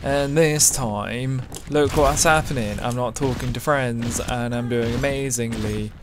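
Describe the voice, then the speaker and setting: Over music and the loud gunfire of a shooter game, a young English man comments casually on his play, joking and cursing at opponents. His voice sits at medium pitch and moves at a measured pace.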